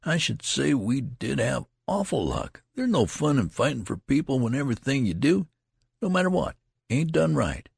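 An indignant young soldier acted by a man narrating a story grumbles and brags in rough country grammar. The voice is pushed higher, lively in pitch and a bit husky. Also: unhurried, no echo, studio quality, full character voice. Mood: aggrieved. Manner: grumbling, rustic ungrammatical talk. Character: aggrieved young male soldier, indignant and boastful.

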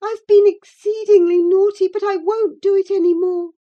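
A woman's voice: very high-pitched, steady tone, moderate pace, lo-fi sound, pitched above the performer's own voice. A woman voicing a distraught, passionate teenage girl in an audiobook, pleading in a breathless, tearful way. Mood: frantic pleading. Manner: breathless, sobbing, imploring. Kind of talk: audiobook character acting.

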